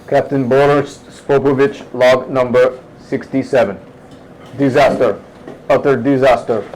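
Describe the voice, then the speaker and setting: A man voicing a stern male starship captain with a put-on Russian accent, reading computer logs slowly and formally. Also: medium pitch, fairly even intonation, darkish tone, slight background noise, natural voice, rough recording. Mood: grave. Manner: formal, slow, dramatic log reading.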